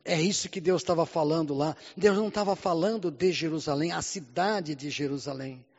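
A Brazilian man preaching a sermon in Portuguese, often calling out "Amém?" and "Glória a Deus", swinging between loud and hushed lines. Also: fairly high pitch, normal speed. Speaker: pastor. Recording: muffled sound with long hall reverb.

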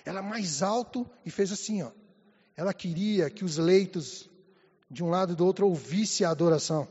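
A man with a high voice preaches in a church, hushed and halting at times, fervent at others. His voice carries a long hall reverb, and the sound is dull and muffled. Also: slightly rough. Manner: soft and halting, rising to fervent. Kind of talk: sermon with personal testimony.

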